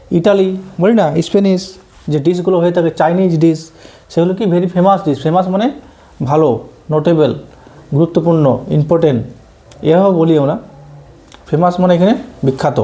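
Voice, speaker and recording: High, mellow-voiced male grammar teacher. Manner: explains step by step, often checks understanding. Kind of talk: exam-prep grammar lesson.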